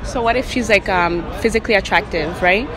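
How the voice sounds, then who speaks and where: A woman's voice: mid-range voice, fairly quick, crowd noise, rough recording. A young woman interviewing students on a college campus, asking short questions into a handheld phone and laughing often. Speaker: street interviewer. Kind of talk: casual street interview. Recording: outdoor street noise.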